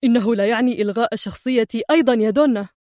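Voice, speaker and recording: A woman's voice: a little high, very fast, mellow, dry recording, clean studio sound, lightly acted. A woman voicing an irritated male mafia lieutenant who speaks curtly and with exasperation. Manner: curt, exasperated.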